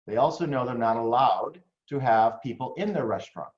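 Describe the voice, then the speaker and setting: A man's voice: medium pitch, expressive, brisk. Middle-aged man coaching in a roomy, dull recording. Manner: conversational, with fillers and rhetorical questions. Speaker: business coach. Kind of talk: webinar talk. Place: home office in Houston, Texas.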